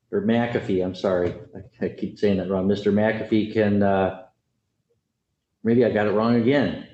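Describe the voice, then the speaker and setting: A man serving as judge in a courtroom, speaking haltingly with many fillers and self-corrections. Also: fairly low pitch, mellow. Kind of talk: courtroom proceedings. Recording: echoey, dull courtroom audio with faint noise.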